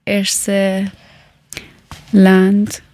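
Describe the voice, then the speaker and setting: A woman born in Iran to an Afghan family, speaking as a learner in a slow, hesitant way and often pausing to search for words. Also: mid-range voice, completely flat delivery, mellow. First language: not German. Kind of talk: casual personal talk.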